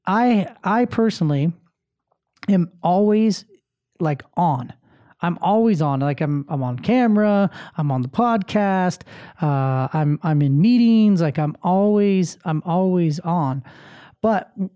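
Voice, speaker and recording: A man's voice: a little high, dark tone, clean tone, no echo, studio quality. An American man hosting a motivational podcast as a life coach, talking casually and directly to listeners and repeating phrases for emphasis.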